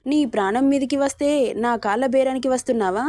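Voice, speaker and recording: A woman's voice: high voice, brisk, mellow, dry recording, natural voice. A woman voicing a vengeful young man who taunts and threatens his captive in a read-aloud story. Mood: taunting menace. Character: vengeful young man, hero, cold and menacing.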